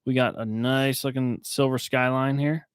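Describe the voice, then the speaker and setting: A man's voice: mid-range voice, steady tone, normal speed, smooth, no echo. A man, co-hosting a podcast, recapping a movie in a rambling, laid-back way with frequent laughs. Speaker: podcast co-host. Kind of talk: casual movie-recap chat. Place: small warm room, under a heater.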